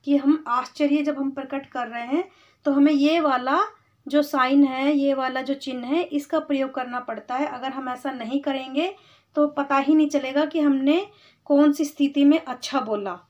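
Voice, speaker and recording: A woman's voice: high voice, steady tone, darkish tone. A woman teaching Hindi grammar to children, patiently explaining and calling them "beta". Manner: patient, explains slowly, calls students beta. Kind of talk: classroom lesson for children. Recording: slightly dull lo-fi sound.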